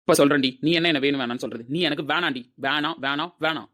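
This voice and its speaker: A man playing an angry, hurt young man who shouts and scolds his lover in a Tamil audio drama. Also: fairly high pitch, fast. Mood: bitter anger.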